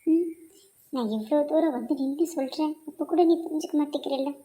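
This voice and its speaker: Woman playing a young daughter in a cartoon, high voice, pleading hard, swearing she's honest. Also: brisk, dark tone, close to an everyday voice. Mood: desperate. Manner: tearful, pleading, insistent. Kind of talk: cartoon drama voice acting.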